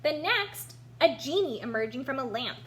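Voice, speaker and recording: This storybook reader's voice sits high and sounds animated and fairly bright, moving at a moderate pace. She reads expressively to young listeners, commenting on the pictures as she goes, while a noticeable hum runs in the background.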